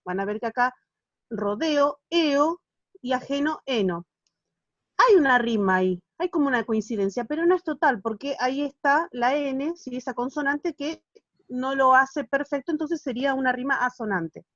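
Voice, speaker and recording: A woman's voice: high-pitched, expressive, normal speed, a bit bright, no echo, lo-fi sound. A woman teaching literature on a video call, patiently explaining and checking in with her students. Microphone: phone or laptop on a video call.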